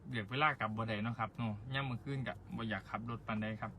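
A man's voice: fairly low pitch, fairly even intonation, very fast, bright, forceful tone, a little hiss or hum. A young man from central Thailand with an Isan accent, chatting playfully and politely as host of his own livestream. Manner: playful, jokey, polite ending particles. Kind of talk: casual livestream chat.

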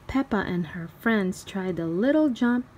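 A woman with a mid-range voice reads a children's storybook aloud at an unhurried pace, and the recording's highs are cut off. As a storytime host she reads expressively, acting out dialogue and sound effects.

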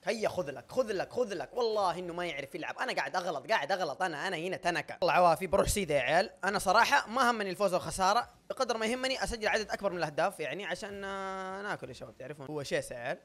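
A young man giving loud, excitable gameplay commentary, often shouting and laughing at his own plays. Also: high-pitched, rapid-fire, few pauses. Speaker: gaming YouTuber.

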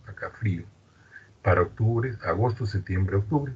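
A man's voice: on the low side, unhurried, husky, dull audio. A man with a Peruvian Spanish accent giving an online lecture, chatty and explanatory, often checking in with students. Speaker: university lecturer.

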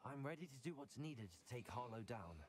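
A man's voice: mid-range voice, sing-song, brisk, crowd noise, lightly acted. An actor playing a determined young male wizard student in video game dialogue.

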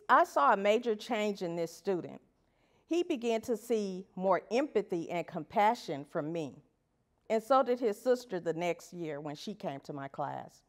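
A woman teacher giving a prepared talk at an education event, earnest and putting rhetorical questions to the audience. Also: medium pitch. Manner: reads from prepared pages. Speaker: elementary school teacher.

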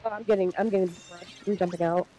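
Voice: medium pitch, steady tone, fast talker, dark tone. A gamer of unclear sex chats casually with teammates during a match. The delivery is a little hesitant, with words and short phrases said twice. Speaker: player in a team video game match. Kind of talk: casual chat with teammates during an online game.

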